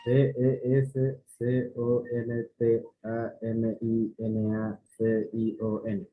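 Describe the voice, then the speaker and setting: A man in a spelling contest, spelling words out letter by letter in a halting, hesitant way. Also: mid-range voice, completely flat delivery. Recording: tinny phone-like call audio.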